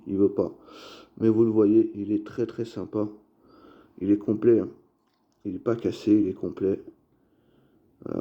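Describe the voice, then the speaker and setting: In a casual show-and-tell vlog, a man shows off and describes toy cars he found at a flea market, chatting with lots of fillers and calling viewers "les gars". His voice is on the low side and mellow, with lo-fi sound.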